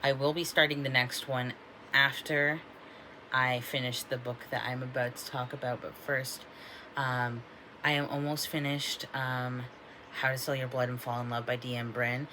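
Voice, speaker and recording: A young man of about twenty talks casually through a bookish vlog, wandering through his thoughts with frequent ums and restarts. His voice sits at an ordinary middle pitch for a man. A faint background noise runs under the recording. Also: level tone, moderate pace, pushed and bright, rough recording. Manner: chatty, rambling with many ums. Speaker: book vlogger.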